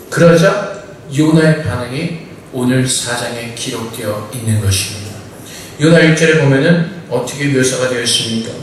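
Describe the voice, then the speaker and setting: High-voiced preaching man, echoey church. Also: recorded from a distance, slight background noise. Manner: conversational preaching with colloquial asides and acted quotes. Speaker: pastor. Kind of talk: sermon. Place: church sanctuary.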